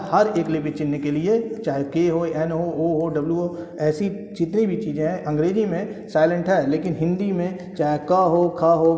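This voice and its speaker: A man teaches an exam-prep grammar lesson with a fairly high yet mellow voice. He goes step by step, repeats his key points and keeps checking whether his listeners follow. The room around him is echoey, with a long reverb. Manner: explains step by step with frequent checking questions; repeats key phrases for emphasis.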